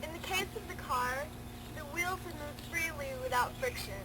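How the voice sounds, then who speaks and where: High-voiced woman reading on old camcorder audio. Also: normal speed. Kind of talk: reading a prepared school report aloud. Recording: hissy old home camcorder recording.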